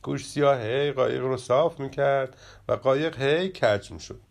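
A man reading a children's story aloud in an expressive, animated manner. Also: medium pitch, vocal fry.

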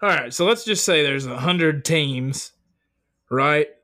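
A man's voice: fairly high pitch, expressive, slow, pushed and bright. Guy podcast co-host just shooting the shit, jokey, swears a ton, lots of slang. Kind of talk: casual, profane banter.

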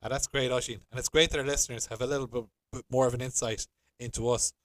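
A middle-aged man speaks in a west of Ireland accent. He co-hosts a podcast in a conversational style, with a medium-pitched voice. The sound is dry, with no room echo. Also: steady tone, fast talker. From Galway, Ireland. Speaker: podcast co-host, hotel sales professional.

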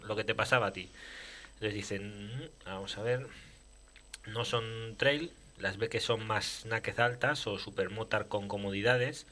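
A man's voice: lowish voice, steady tone, measured pace, pushed and bright. A man co-hosting a motorcycle podcast, chatting casually and reading listener emails aloud. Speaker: podcast co-host. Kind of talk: casual chat.

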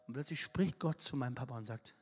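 A man's voice: medium pitch, quick pace. A man preaching a sermon, telling a story in an emphatic, colloquial way. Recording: echoey hall, faint music.

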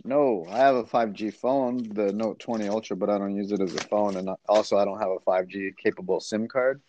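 A man in his forties with a lowish voice, giving short, dry answers and swearing offhandedly in casual talk. Faint noise sits under his voice. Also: steady tone, a little fast, dark tone, highs cut off. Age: 40s. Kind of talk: casual chat.

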